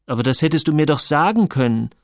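A man's voice: a little high, expressive, fast talker, no echo, studio quality, pitched above the performer's own voice. A man reading as a blunt stubborn teen boy. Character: stubborn, hurt teenage boy.

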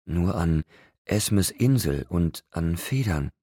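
A man voicing a tender, excited young pregnant woman in an audiobook, with a soft, emotional delivery. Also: low-pitched, slow pace, slightly rough, dry recording, clean studio sound, full character voice. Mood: puzzled.

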